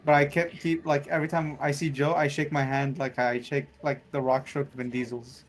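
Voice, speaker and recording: A young man co-hosting a let's play, telling rambling, excitable stories to his friends. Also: medium pitch, moderate pace. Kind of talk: casual gaming banter.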